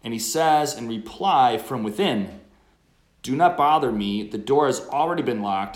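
A man, a priest, reading the gospel and preaching a homily at Mass in a measured, earnest way, his voice ringing in a cathedral-like echo. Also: medium pitch. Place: large church. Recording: echoey church acoustics.

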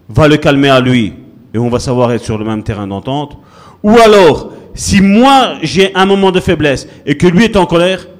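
Man, pastor, animated sermon, fairly high voice, big swings from loud to hushed. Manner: animated preaching, swings between loud outbursts and low murmurs.

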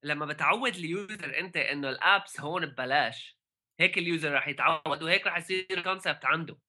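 Sharp, bright-voiced Levantine Arabic man, chatting. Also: fairly high pitch. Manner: halting, mixes English tech words into Arabic. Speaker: podcast co-host. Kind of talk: casual tech discussion.

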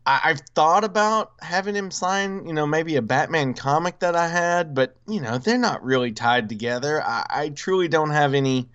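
Male co-host, casual, eager, halting; smooth voice, muffled audio. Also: a little high, a bit bright. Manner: enthusiastic, halting with restarts. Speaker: podcast co-host. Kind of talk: casual chat.

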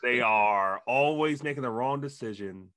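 A man's voice: mid-range voice, moderate pace, pushed and bright, no room sound. A man giving casual sports commentary on a podcast with theatrical, emphatic declarations.

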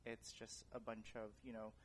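Young male guest from the Philippines, earnest and thoughtful with pauses, faint rumble behind. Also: monotone. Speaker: guest, actor and director. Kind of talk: casual interview.

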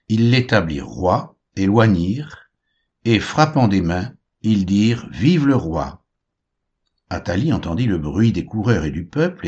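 A man reads scripture aloud in a measured, expressive way. His voice sits fairly low and has a husky edge, and his intonation moves widely through each sentence. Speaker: Bible reader. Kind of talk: scripted Bible reading.

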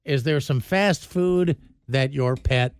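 A man's voice: mid-range voice, slow, smooth, dry recording. A man hosting a casual morning radio show, running through sports news and stories in a loose, rambling way with fillers.

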